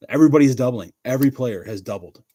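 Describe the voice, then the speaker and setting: A man's voice: medium pitch, fast talker, mellow. A man hosting a live card break, chatting casually, calling out players and laughing often. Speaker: card breaker livestream host.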